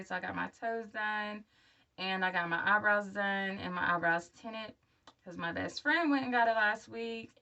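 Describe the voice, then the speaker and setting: Woman, thirties, bright forceful voice, slightly low pitch, new denture wearer's speech, candid casual vlog, a bit far from the mic. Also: lo-fi sound. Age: 30s. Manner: candid, encouraging direct address. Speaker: vlogger. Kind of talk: casual personal video update talk to viewers.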